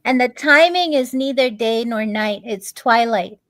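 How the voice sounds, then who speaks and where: A woman, a guest in a conversation, telling a long story in a halting way, pausing on many fillers and restarts. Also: a little high, fairly bright tone, no room sound.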